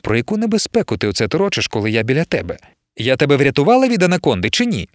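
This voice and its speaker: A man's voice: mid-range voice, huge pitch swings, racing, no room sound, studio quality. A man voicing a feisty, scolding female dwarf in an audiobook. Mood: bossy. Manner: shrieking, scolding.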